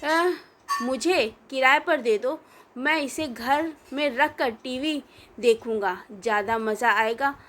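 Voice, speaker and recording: A woman voicing a naive, cheeky village boy who gives earnest, deadpan answers in a comic storybook tale. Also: high voice, takes it slowly, noisy background.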